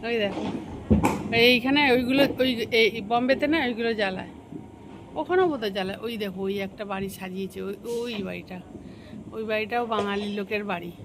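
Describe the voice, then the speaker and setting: A woman's voice: mid-range voice, fast talker. A woman from West Bengal with a Bengali accent, chatting casually through a home vlog, rambling and filling gaps with hesitation words. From West Bengal, India. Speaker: vlogger. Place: home kitchen and balcony, festival night. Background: noise, firecrackers and street ambience.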